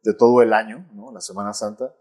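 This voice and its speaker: Reflective priest, lowish voice. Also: male voice, flat delivery, fairly quick, a little mellow. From Mexico. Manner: reflective, frequent tag "¿no?" and restarts. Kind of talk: casual interview conversation.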